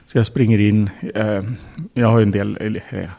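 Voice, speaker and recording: A man's voice: fairly low pitch, little pitch movement, warm tone. A man, a podcast guest, telling a story in casual speech, bluntly, with swearing and acted-out quotes. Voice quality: gravelly, husky.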